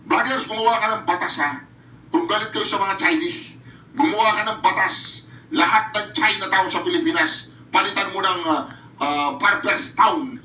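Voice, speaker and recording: Guy ranting and cackling at his viewers, high voice, roomy far-off sound with a bit of noise. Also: bright, forceful tone. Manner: taunting, bursts into frequent laughter; addresses viewers directly. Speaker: reaction vlogger. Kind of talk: mocking reaction commentary.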